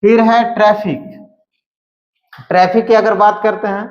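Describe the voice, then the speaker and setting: A man teaching English grammar, explaining slowly and repeating words as he writes out examples. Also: high voice, steady tone. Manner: slow, repeats words while writing examples. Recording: echoey room, dull lo-fi sound.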